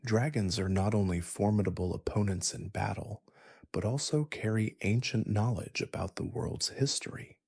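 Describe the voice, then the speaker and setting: A man narrating a bedtime story in a soft, gentle, soothing, breathy spa-like whisper, slow and unhurried. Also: fairly low pitch, no echo, clean studio sound. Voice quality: breathy, husky, partly whispered.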